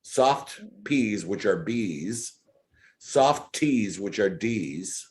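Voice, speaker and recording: A man's voice: on the low side, expressive, drawn-out words, darkish tone. A man teaching a violin masterclass, earnest and emphatic, often repeating his key words. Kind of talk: masterclass coaching. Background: faint violin playing.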